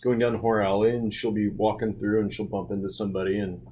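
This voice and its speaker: A man's voice: fairly low pitch, steady tone, quick pace, mellow, husky. A man acting as game master, narrating a tabletop game casually.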